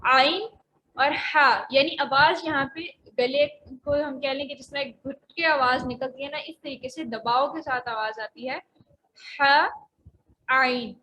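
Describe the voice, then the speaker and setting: A woman's voice: sits high, fairly even intonation, moderate pace, hardly any pauses, fairly bright tone, slight background noise, low-quality recording. A woman teaching Quran recitation in an online lecture, explaining pronunciation patiently with frequent hesitations. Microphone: voice only, face not shown.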